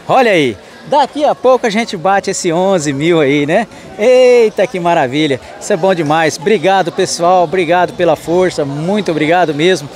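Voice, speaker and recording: A man's voice: high voice, lively intonation, moderate pace, few pauses, darkish tone. Chatty man vlogging through a market. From Mato Grosso do Sul. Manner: chatty, greets vendors, thanks followers. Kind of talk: walking market tour vlog. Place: outdoor street market.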